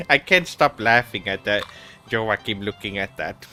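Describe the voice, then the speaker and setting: A man streaming, commenting casually and with amusement as he reacts to his old videos. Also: on the low side. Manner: amused, chuckling, slow and relaxed.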